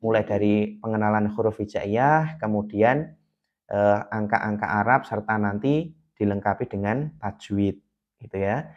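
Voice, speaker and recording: A man's voice: on the low side, a little slow, lo-fi sound. Patient male Quran teacher. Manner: patient, repeats key points, chants syllables aloud in a melody. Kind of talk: live-streamed beginner lesson.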